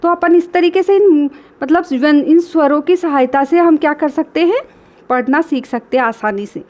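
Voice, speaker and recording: A woman with a high voice teaches a children's reading lesson. She sounds out each syllable slowly and patiently and keeps talking straight to the kids. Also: a little mellow. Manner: addresses children directly.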